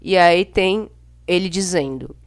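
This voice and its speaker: A woman's voice: fairly low pitch, a little slow. A young woman with a Brazilian accent, talking casually and bluntly in an exasperated, slangy vlog monologue. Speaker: vlogger. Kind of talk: casual opinionated monologue to camera.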